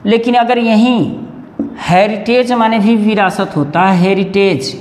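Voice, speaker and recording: Male grammar teacher, unhurried delivery, repeats words, roomy echo. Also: high-pitched, steady tone, a little mellow, a little hiss or hum. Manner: drawn-out repetition of example words; corrects himself mid-explanation. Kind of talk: classroom grammar lesson. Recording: echoey room with long reverb.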